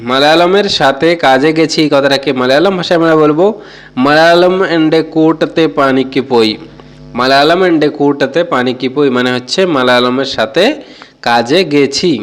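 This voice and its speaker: Clear-voiced man teaching phrases. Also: on the high side. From Bangladesh. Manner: slow careful repetition of phrases. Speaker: language teacher. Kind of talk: language lesson, teaching Malayalam phrases.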